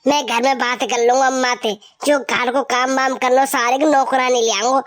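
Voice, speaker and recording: A woman's voice: sits high, steady tone, normal speed, a bit bright, a little hiss or hum. A woman voicing a doting young village husband, coaxing and insistent.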